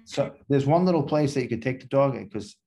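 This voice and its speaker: A man's voice: medium pitch, lively intonation, fairly quick, creaky, a loud crowd. A man, a podcast guest telling rambling anecdotes and acting out the dialogue in them. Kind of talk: casual storytelling interview.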